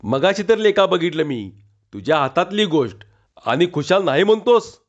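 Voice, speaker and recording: A man's voice: fairly high pitch, very animated, normal speed. A man doing a bossy village constable. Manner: gruff, bossy, mock-official police tone. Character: bullying skinny village police constable, man. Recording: dull lo-fi recording.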